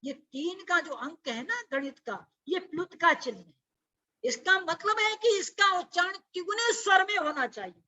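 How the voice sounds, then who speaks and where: A woman's voice: extremely high pitch, lively intonation, moderate pace, sharp tone. A woman preacher giving a devotional sermon, explaining scripture with rhetorical questions and chanted Sanskrit verses. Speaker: religious preacher.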